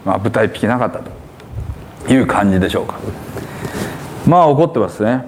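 Guy preaching w a hiroshima accent, acts out the story lines, lively pitch. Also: moderate pace, a little hiss or hum. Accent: Hiroshima dialect. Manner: animated storytelling, acting out characters' lines. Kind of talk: sermon retelling a parable.

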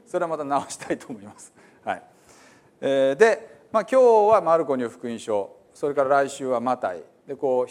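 A middle-aged male pastor from Hiroshima with a Hiroshima accent, giving a chatty, self-deprecating sermon introduction with frequent fillers. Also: a little high. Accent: Hiroshima Japanese. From Hiroshima, Japan.

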